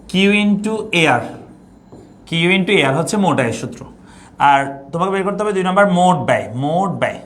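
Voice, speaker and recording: A man's voice: sits high, a bit bright. A young man from Bangladesh teaching an economics class online, repeating points and asking students questions. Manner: repetitive, asks students questions.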